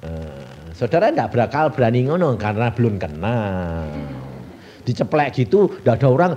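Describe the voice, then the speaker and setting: A man's voice: mid-range voice, sing-song, moderate pace, mellow, lo-fi sound, slight background noise. A male evangelist with a Javanese Indonesian accent, preaching a folksy sermon and answering his own questions. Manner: folksy, asks the congregation questions and answers them himself.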